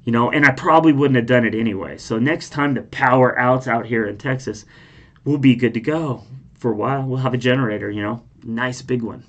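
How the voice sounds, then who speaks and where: A man's voice: medium pitch, a little fast, muffled recording. Casual man chatting and telling stories. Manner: informal, conversational, anecdotal. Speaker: reaction video host. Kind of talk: casual rambling chat and storytelling.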